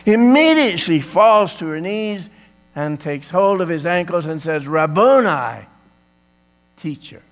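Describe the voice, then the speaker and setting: A man's voice: on the high side, measured pace, in a large hall. A man preaching an Easter sermon, retelling the story with dramatic, swelling emphasis.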